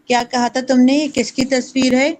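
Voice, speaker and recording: Lady reading out a fussy aunt, strict and picky, voice pushed up higher. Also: level tone, darkish tone, close to an everyday voice, poor audio. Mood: lecturing. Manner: stern, exacting, keeps correcting pronunciation. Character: fussy aunt correcting a girl's Urdu. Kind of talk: reading a children's story aloud.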